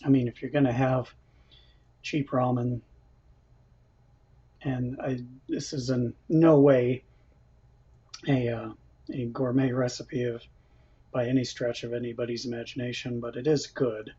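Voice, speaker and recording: Husky-voiced man livestreaming from his kitchen. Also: medium pitch, little pitch movement, measured pace, long pauses, warm tone. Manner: chatty, reads out viewer comments, laughs often. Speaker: livestream cooking host. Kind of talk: casual livestream chat. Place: home kitchen. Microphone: built-in camera microphone. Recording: dull lo-fi camera mic audio.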